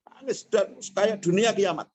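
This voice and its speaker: A man giving a fiery motivational talk as a guest speaker, telling stories emphatically and swinging between quiet asides and loud bursts over a video call. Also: high voice, unhurried.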